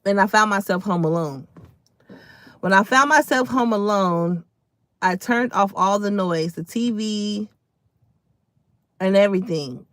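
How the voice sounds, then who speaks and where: A woman's voice: medium pitch, measured pace, long pauses, a bit bright, no echo. A woman hosting a casual live stream from home, chatting to her viewers and calling them y'all and baby. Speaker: livestream host.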